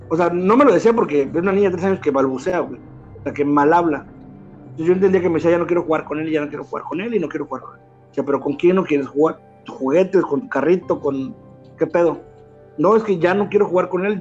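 Mexican man in his thirties, brisk talker, slangy and animated, slightly raised voice, dull lo-fi audio with faint music behind. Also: on the high side. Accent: Mexican Spanish. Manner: slangy, animated, peppers speech with filler words. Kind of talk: casual storytelling chat.

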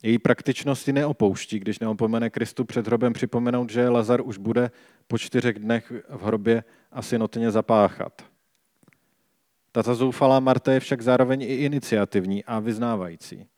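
A man gives a calm, measured reading of scripture and then reflects on it like a preacher. His voice sits at an ordinary pitch. The sound is dry and close, with no room echo.

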